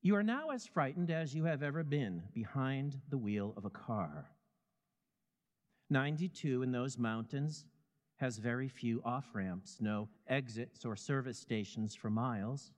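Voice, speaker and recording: Man storyteller, measured and vivid, pitch moves around a lot, long echoey hall. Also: expressive. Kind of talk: scripted second-person narration.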